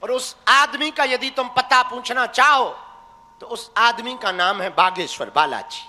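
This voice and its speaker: A man's voice: very high voice, unhurried, sharp tone, big-room sound. A man preaching a devotional sermon to a crowd, teasing and blunt, speaking straight at his listeners. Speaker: spiritual preacher.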